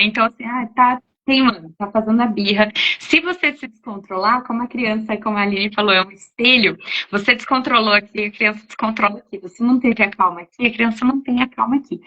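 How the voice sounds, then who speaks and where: A woman, an educator in her forties, casually answering parenting questions, often ending phrases with a questioning tag. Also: fairly high pitch. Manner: warm explanatory, frequent "né?" tags. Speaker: educator giving parenting talk. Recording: dull lo-fi audio.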